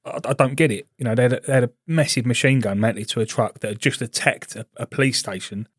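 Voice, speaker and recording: A man's voice: medium pitch, fast, husky, no echo, studio quality. A British Army veteran man co-hosting a podcast, telling blunt army stories in casual chat. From Britain. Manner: blunt storytelling army banter. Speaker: podcast co-host.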